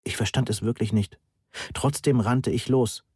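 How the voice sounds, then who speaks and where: A man reading a novel aloud in the first person in an even, measured way. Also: mid-range voice, slightly rough, no room sound, studio quality. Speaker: audiobook narrator.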